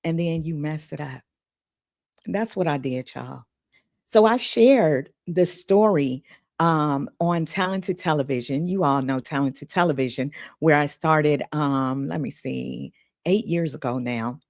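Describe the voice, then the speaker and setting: A woman podcast host telling her own story in a candid, chatty manner, talking straight to her listeners. Her voice sits a little low and she takes her time with each phrase. The sound is close and dry, with no room around it. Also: unhurried, vocal fry, darkish tone, no room sound.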